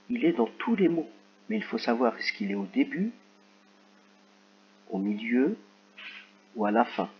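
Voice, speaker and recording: A man teaching a recorded phonics lesson to young children, dictating words slowly and clearly. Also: medium pitch, muffled recording, slight background noise. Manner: slow, carefully articulated word dictation.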